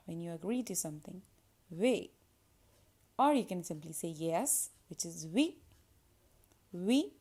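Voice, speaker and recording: A woman giving a French pronunciation lesson at an unhurried pace. Her pitch rises and falls freely, and her tone is mellow. She says each French word twice with clear stress before explaining it. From India. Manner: repeats each French word twice, slowly and with stress, then gives the meaning.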